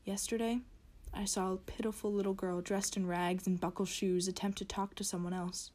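A woman reading a horror story as a frightened diary writer, in a hushed, whispering narration. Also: medium pitch, little pitch movement, normal speed, lightly acted. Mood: fearful. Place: closet.

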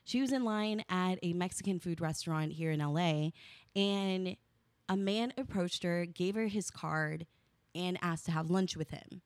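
A woman's voice: lowish voice, a little slow, clear, resonant tone, dry recording. A woman co-hosting a podcast in casual chat, chatty and self-deprecating, laughing often. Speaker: podcast co-host.

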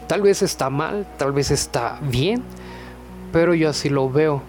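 Slow, relaxed young man. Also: a little high, faint music behind. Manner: relaxed, chatty, with many fillers and joking asides. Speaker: podcast host.

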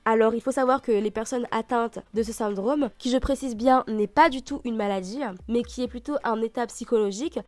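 A woman's voice: on the high side, a little fast, hardly any pauses, no room sound. A woman hosting a personal podcast in monologue, answering questions, with a lisp that makes her s sound slushy. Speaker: podcast host. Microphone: own microphone with homemade pop filter.

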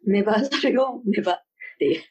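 A woman in relaxed casual chat with a friend, trying out odd sounds and laughing along. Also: fairly high pitch, a little slow, slightly rough. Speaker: co-host. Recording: dull lo-fi recording.

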